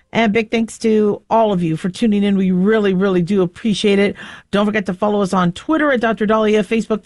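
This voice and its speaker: Recorded in a clean studio with no room sound, this mid-range, darkish voice belongs to a middle-aged Southwestern American woman with an American accent. She runs a talk radio show, delivering a loose, opinionated, wandering monologue.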